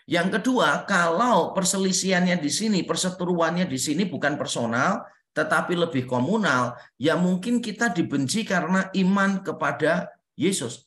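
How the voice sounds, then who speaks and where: A man who is a pastor and counselor, giving a relaxed, conversational Bible study and repeating his key points. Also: on the high side. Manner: conversational, repeats points, frequent "nah" fillers. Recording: roomy echo.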